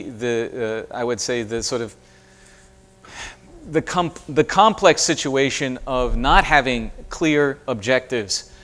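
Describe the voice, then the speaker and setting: A man's voice: mid-range voice, fairly bright tone. A man giving a university lecture and answering audience questions, speaking thoughtfully with many fillers and restarts. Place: lecture hall.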